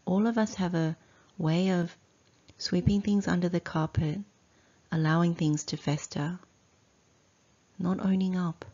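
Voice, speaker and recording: Like a teacher leading students, this woman talks through a guided meditation with a steady tone and a low, mellow voice. Her pace is very slow and deliberate, short phrases broken up by long silences, and the audio comes across slightly dull.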